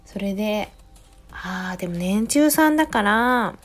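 A woman in her thirties, a mother, talking in a gentle, chatty way in a casual solo audio diary, close to the mic. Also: medium pitch, lively intonation, a little slow. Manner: gentle, chatty, many soft "ne" tags. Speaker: podcast host, mother of a preschooler. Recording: faint music behind voice.

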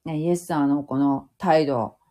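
A woman's voice: low voice, fairly even intonation, a little slow, mellow. A woman from Fukuoka giving a casual Bible teaching podcast, explaining patiently and reading scripture aloud with comments. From Fukuoka, Japan. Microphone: home podcast mic.

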